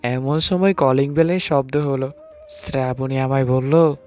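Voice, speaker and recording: His voice is mid-range, darkish and steady, and he speaks a little slowly. Acting as narrator, this man tells a first-person romantic story as a loving, teasing husband, with music beneath him.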